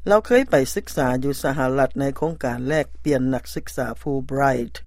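A man's voice: mid-range voice, moderate pace, a little mellow, no room sound, clean studio sound. A man with a Lao accent reading a scripted news report as its narrator.

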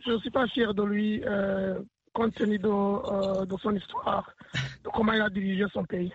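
A man from Burundi, a guest on a radio interview, speaking hesitantly with many filler pauses. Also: high voice, level tone, husky, dry recording. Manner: hesitant, lots of "euh". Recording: dry, tinny phone line.

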